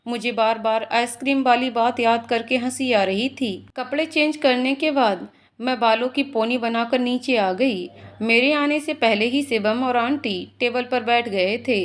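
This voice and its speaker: A woman telling a heartfelt first-person romantic story in a lively, playful way. Her voice sits somewhat high.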